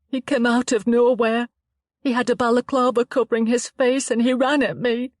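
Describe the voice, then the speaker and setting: In a dramatized audiobook reading, a woman voices a young woman left shaken and tearful after an attack, speaking haltingly in a trembling, higher-than-usual voice that climbs further when she's distressed. The upset is lightly acted, with a level tone, and the sound is dry and close with no room sound.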